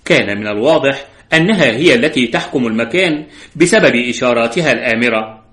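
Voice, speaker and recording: A man reading a story aloud in a steady, dramatic narration. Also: medium pitch, fast talker. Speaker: audiobook narrator. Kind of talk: scripted narration. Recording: roomy echo.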